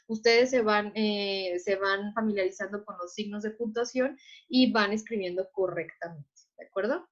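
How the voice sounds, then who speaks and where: A woman teacher, patiently explaining to her class and often checking that students follow. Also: mid-range voice. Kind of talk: online class lecture. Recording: muffled lo-fi audio.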